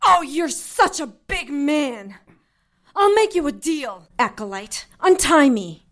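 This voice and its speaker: A woman's voice: sits high, big pitch swings, slow, a bit bright, heavily acted. A woman voicing a defiant young witch held captive, who answers her captors with sarcasm and curses. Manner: defiant, sarcastic, foul-mouthed.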